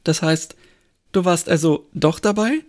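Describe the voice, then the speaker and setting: A man voicing a wary, sharp-tongued woman sleuth who presses with sarcastic questions. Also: on the high side, unhurried, lightly acted. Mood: suspicious.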